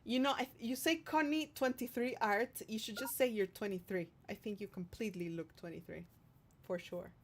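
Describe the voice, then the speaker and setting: With slight background noise, a woman streamer, who is also a singer-songwriter, reads and answers viewer messages at a normal speed. Her mid-range voice sounds casual, affectionate, and playful.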